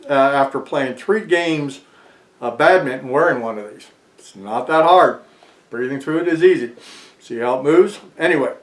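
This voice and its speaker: Man in his sixties, American accent, speaking through a face mask, slightly high voice, casual explaining, echoey room. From lives in Texas, United States. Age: 60s. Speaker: video presenter. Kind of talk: casual explanatory talk to camera. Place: small furnished room indoors, seated in armchair.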